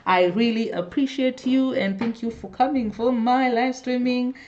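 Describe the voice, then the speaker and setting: A woman with a slightly high, steady voice and a darkish tone talks at a moderate pace through a muffled recording. As a hair care vlogger on a casual live stream, she greets viewers by name and keeps restarting her sentences.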